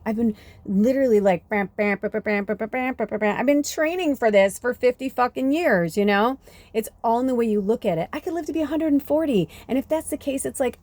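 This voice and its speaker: A woman's voice: medium pitch, dark tone. Chatty, profane woman in her fifties. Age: 50s. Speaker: tarot reader. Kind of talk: casual spiritual reading.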